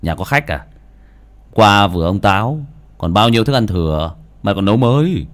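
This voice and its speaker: A man's voice: on the low side, lively intonation, normal speed, natural voice. A man voicing a crude, bullying grown son who bellows and stammers in an audio story. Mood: blustering.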